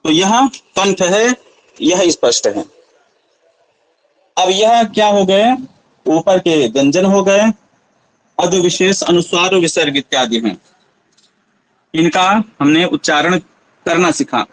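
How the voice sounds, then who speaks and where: A man's voice: sits high, animated, slow, long pauses, no room sound, poor audio. A man teaching a Sanskrit pronunciation lesson, patiently asking students to try each sound aloud.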